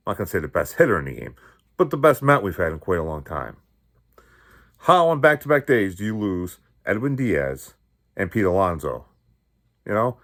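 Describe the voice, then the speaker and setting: A fired-up man hosts his own show and rants about his team. His fairly low voice jumps to loud outbursts and then drops to muttering. He fires off one rhetorical question after another. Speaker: podcast host. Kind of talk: fired-up sports rant.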